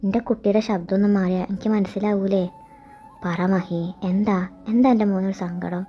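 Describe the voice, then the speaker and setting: Brief: woman as a gentle, probing mother, lo-fi recording. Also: mid-range voice, fairly even intonation, brisk, lightly acted. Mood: coaxing. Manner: gentle, coaxing, soft-spoken. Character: caring, perceptive middle-aged mother. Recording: dull lo-fi sound. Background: faint background music.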